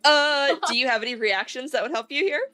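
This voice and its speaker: A woman's voice: high-pitched, a little fast, smooth, faint music behind. A woman narrating and running a tabletop game as game master, chatty and loose with fillers. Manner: relaxed, chatty, hesitant with fillers.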